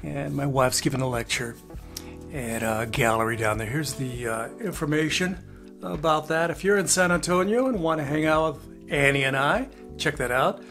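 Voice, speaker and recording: A man's voice: fairly high pitch, normal speed, a bit bright, faint music behind. An older man from Texas giving a casual talking-head RV travel update, rambling with lots of "uh" fillers and folksy asides. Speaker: RV travel vlogger. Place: plain indoor room, grey wall.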